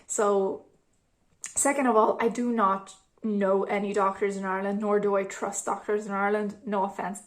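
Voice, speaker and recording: A young woman from Lithuania talking candidly at home in a casual personal vlog, full of "you know" and "like". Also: mid-range voice. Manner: chatty and candid, many fillers like "you know" and "like". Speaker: vlogger. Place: home, a cat nearby.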